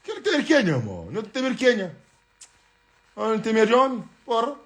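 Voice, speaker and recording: Bragging as he livestreams from home, this man flips between Portuguese and French in casual chatter while faint music plays behind him. His voice is high and a bit bright, swooping wildly in pitch at a fairly quick pace.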